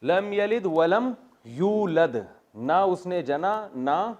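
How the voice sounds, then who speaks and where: A man's voice: sits high, expressive, a little mellow, lo-fi sound. Middle-aged guy teaching quran grammar, goes over word forms again and again, cracks jokes. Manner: explains slowly, repeats Arabic word forms, joking asides. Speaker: religious teacher.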